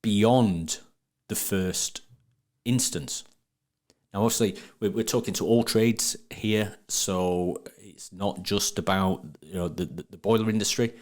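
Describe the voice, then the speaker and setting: A man's voice: on the low side, slow pace. A man with a Sheffield accent talking casually in an interview, informal and emphatic, with northern English phrasing. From Sheffield, England. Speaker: podcast guest, trade business marketing speaker.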